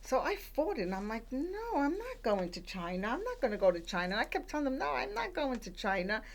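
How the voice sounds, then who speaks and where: A woman's voice: a little high, big pitch swings, fairly quick. An older woman from Puerto Rico, raised in the Bronx, chatting as a radio guest with many fillers and restarts as she tells her life story. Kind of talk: conversational storytelling.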